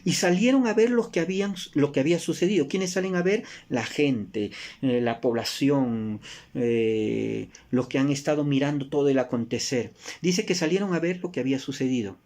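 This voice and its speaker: A man from Peru with a Peruvian Spanish accent preaching a sermon, asking rhetorical questions and moving between emphatic rises and soft drops. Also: medium pitch, moderate pace.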